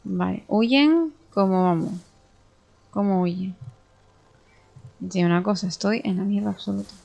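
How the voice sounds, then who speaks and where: A young woman with a Spain Spanish accent commentating her own gameplay, excitable, swearing and talking to herself as she plays. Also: mid-range voice, a little slow, gravelly. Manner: excitable, swears and talks to herself while playing. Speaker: gaming streamer.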